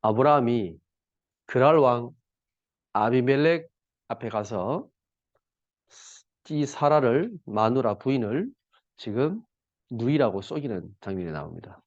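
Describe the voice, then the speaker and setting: A man's voice: medium pitch, lively intonation, measured pace, pauses often, darkish tone, dry recording. A male pastor preaching a sermon in a conversational, colloquial way, often asking the congregation rhetorical questions. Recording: dull lo-fi, dry.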